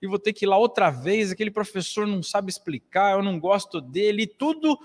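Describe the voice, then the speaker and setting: A man's voice: high voice, expressive, brisk. Brazilian man preaching in an echoing hall. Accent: Brazilian Portuguese. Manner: earnest, preaching with wide gestures. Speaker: lecturer at a spiritist center. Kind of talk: spiritist lecture. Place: small hall, standing at a lectern. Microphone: stand mic at a lectern. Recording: long hall reverb.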